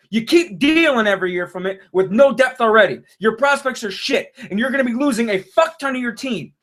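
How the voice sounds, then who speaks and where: A man's voice: sits high, a bit bright. A man vlogging a frustrated, profane rant as a sports fan, swearing heavily and repeating himself.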